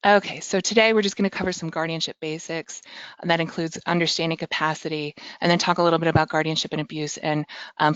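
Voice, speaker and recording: A woman's voice: sits low, a bit bright, clean tone, no echo. An American woman giving an informal presentation in front of an audience, speaking conversationally and addressing the listeners directly. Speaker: legal director and invited speaker. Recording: muffled, dry audio.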